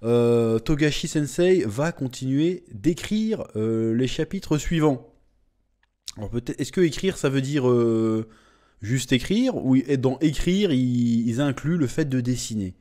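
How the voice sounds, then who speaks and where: Guy doing a chatty manga news video, warm mellow voice, hams it up big, lots of euh, pretty blunt. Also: medium pitch, lively intonation, unhurried. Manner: exaggerated, mock-dramatic emphasis. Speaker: host of a manga channel. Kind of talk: casual manga news commentary.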